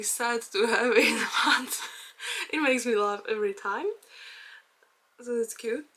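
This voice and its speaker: A young Czech woman speaks English with a Czech accent in a casual personal vlog. Her voice is a little high and a bit bright, and she sounds hesitant, using many fillers and small laughs.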